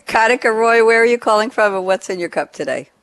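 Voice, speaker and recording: A woman's voice: a little high, expressive, fast, a bit bright, clean tone, dry recording. An older American woman hosting a radio show in a chatty, playful, theatrical way, repeating phrases for effect.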